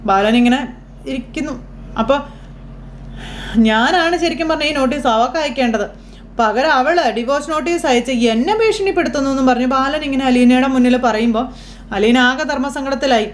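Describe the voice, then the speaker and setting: A woman's voice: sits high, brisk, slight background noise. A woman giving a chatty, casual recap of a TV serial for her listeners. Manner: chatty, keeps adding tag words for the listener.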